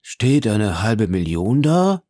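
A man's voice: lowish voice, sing-song, takes it slowly, dark tone, dry recording, clean studio sound, exaggerated voice. A man reading aloud voices a nervous, timid old Italian ex-soldier who answers with wondering questions. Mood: uneasy, wondering. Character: elderly timid Italian ex-major, nervous and eager.

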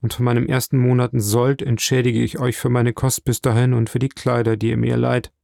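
A man's voice: mid-range voice, little pitch movement, brisk, creaky, a little mellow, dry recording, studio quality, close to an everyday voice. Dantès, a man doing an earnest young seaman. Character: determined young male seaman, resourceful and earnest. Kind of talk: audiobook reading.

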